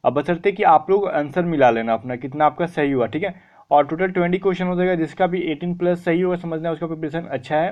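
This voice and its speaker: In a fairly high, narrow voice heard through tinny audio, a young online exam-prep teacher runs a vocabulary lesson mixing Hindi and English casually. He talks in a chatty way, repeats "theek hai" often, and asks questions he then answers himself.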